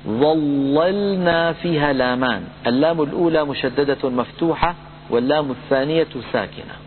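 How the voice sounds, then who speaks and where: A man teaching Quran recitation rules, patiently repeating points and slowly chanting example words. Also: a little high. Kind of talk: lesson on tajweed rules. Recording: phone-like audio with hum and reverb.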